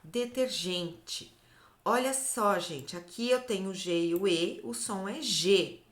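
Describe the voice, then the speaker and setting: Brazilian woman, children's literacy teacher, slow deliberate delivery, echoey room. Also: mid-range voice. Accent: Brazilian Portuguese. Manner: slow, drawn-out syllables, often ends with "tá?". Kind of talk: slow, clear phonics lesson for children.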